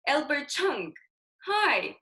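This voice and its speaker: A woman's voice: high voice, sing-song, drawn-out words, bright, forceful tone. A woman hosting an interview show, introducing her guest and asking upbeat questions. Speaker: podcast host.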